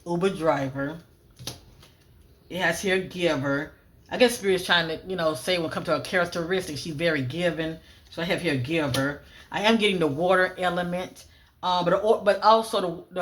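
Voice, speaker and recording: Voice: mid-range voice, fairly quick, fairly bright tone, slight background noise. A psychic energy reader speaking casually, reeling off clipped fragment cues, repeating phrases and rereading notes aloud between frequent fillers. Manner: lists clipped fragment cues, often "I'm getting". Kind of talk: solo psychic reading, spoken monologue.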